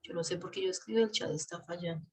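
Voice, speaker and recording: A woman's voice: on the low side, quick pace, noisy background. A woman teaching an online class through a computer mic. She talks patiently, spelling out letters and repeating examples for her students. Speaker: English teacher.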